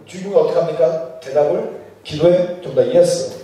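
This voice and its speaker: A man's voice: a little high, lively intonation, a little fast, warm tone, distant mic. Man preaching in an echoey hall. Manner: questions the congregation and leads group Bible reading. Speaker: pastor. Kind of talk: sermon at a church retreat. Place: large room with strong echo.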